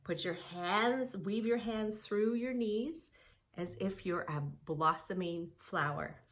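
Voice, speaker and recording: This is a read-along story with yoga instruction for preschoolers, told by a woman with a medium-pitched voice who takes her time. She addresses the children directly, using plain, encouraging language.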